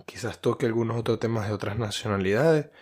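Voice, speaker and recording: A Venezuelan man talks through a podcast episode on his own, loose and unscripted, circling back with fillers and half-finished phrases. His voice sits a little low for a man. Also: fast, a little mellow. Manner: loose and rambling, many fillers and restarts. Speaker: podcast host. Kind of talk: casual monologue.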